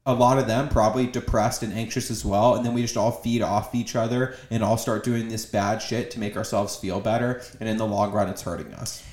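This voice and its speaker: A man's voice: fairly low pitch, steady tone, a little fast, few pauses, darkish tone. A man in his twenties co-hosting a podcast, talking in a blunt, emphatic, swear-heavy way. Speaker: podcast co-host. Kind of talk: casual chat. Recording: echoey room.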